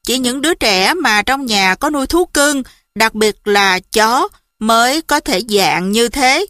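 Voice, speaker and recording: A woman narrating an audiobook story in a lively, expressive first-person style. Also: fairly high pitch, unhurried, no echo, clean studio sound.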